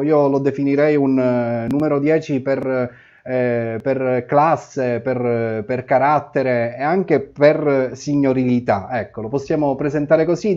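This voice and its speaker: A man in his thirties hosts a live football preview from a TV studio, talking in a chatty way and often pausing on fillers. His voice is fairly high but dark and mellow, and the sound is a little dull. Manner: chatty, with frequent hesitation fillers. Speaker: studio host. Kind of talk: live pre-match sports talk show. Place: TV studio set.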